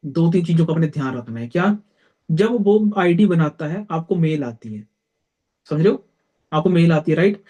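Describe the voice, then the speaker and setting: A man's voice: fairly high pitch, animated, normal speed, warm tone, husky, muffled recording. A young man leading a sales team meeting, giving blunt, direct advice and calling his listeners brother. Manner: direct and blunt, peppers talk with "theek hai". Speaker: team leader. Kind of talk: motivational team meeting talk.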